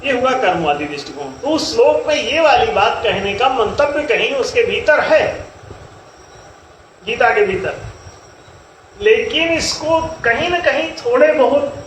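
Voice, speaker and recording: A man's voice: very high voice, animated, a little slow, a bit bright. A man, a spiritual teacher, giving an emphatic, explanatory discourse that repeats phrases for effect. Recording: echoey room, faint noise.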